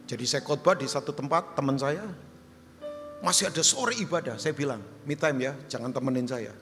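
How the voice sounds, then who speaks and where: A male pastor preaching a sermon, animated and humorous, jumping high for questions and quoted voices and dropping low and soft for appeals. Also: moderate pace, faint music behind. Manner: humorous storytelling with asides to the congregation. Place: large church hall. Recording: long hall reverb.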